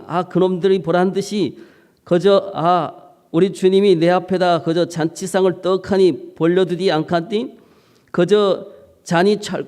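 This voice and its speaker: Pastor doing folksy North Korean dialect psalm reading; slightly raised, smooth, hall reverb. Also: male voice, high-pitched, a little mellow, natural voice. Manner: folksy, drawling, playful.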